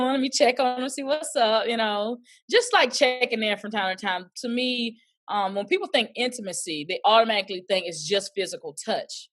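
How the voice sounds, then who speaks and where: A woman, an actress chatting as an interview guest and acting out quoted voices as she tells stories. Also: medium pitch. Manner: lively storyteller who acts out quoted voices. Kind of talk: casual interview chat.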